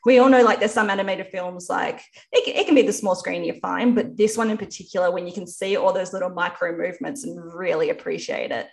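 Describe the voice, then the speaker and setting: A woman's voice: lowish voice, fairly even intonation, a little fast, creaky, hardly any pauses. A woman hosting a podcast, chatting in an agreeable way in a casual film discussion. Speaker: podcast host.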